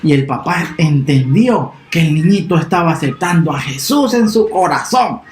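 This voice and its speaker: Lively kids storyteller, voice jumps all over, echoey room. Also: medium pitch, normal speed, slight background noise. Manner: animated, expressive, talks to children directly. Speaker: children's storyteller. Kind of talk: children's story narration.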